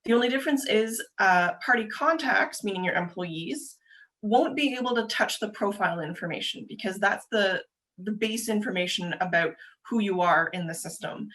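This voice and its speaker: A young adult woman giving a quick, chatty webinar presentation over a video call, explaining steps with frequent ums and uhs. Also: on the low side, fairly bright tone. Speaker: presenter for a government agency.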